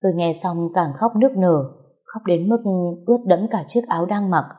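A woman reads a first-person story aloud in a soft, steady voice. Her voice sits low with a warm, mellow tone. It is scripted storytelling narration. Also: moderate pace, husky.

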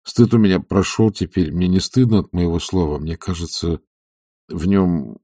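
A man doing a shy, pleading gentleman. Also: low voice, moderate pace, slightly rough, dry recording, clean studio sound.

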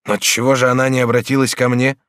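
A man's voice: mid-range voice, little pitch movement, fast talker, smooth, dry recording, clean studio sound, lightly acted. A man reading an audiobook voices a kindly, easily moved middle-aged prince regent, exclaiming and questioning with raised emotion. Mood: agitated. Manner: exclaiming, warm and agitated.

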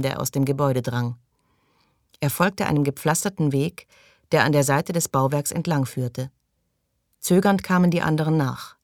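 A woman narrating an audiobook in calm, even storytelling, recorded close in a studio booth. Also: extremely low pitch, no echo. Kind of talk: scripted narration.

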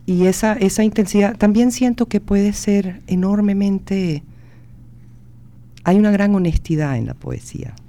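A woman poet answers interview questions slowly and reflectively. She pauses often to search for words. Her voice is warm and mellow. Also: mid-range voice.

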